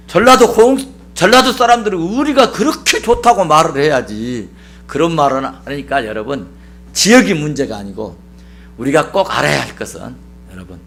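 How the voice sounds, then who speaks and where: A male pastor delivers a sermon in a high voice that swoops up and down with lively emphasis. He presses his points through repetition and rhetorical questions.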